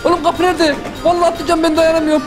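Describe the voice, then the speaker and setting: A gaming vlogger with a strikingly high voice, talking nonstop to his viewers. He is excitable and easily panicked, full of loud exclamations and slang. Game music plays clearly under his voice. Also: very fast. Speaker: gaming YouTuber. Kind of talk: live gameplay commentary. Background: game background music.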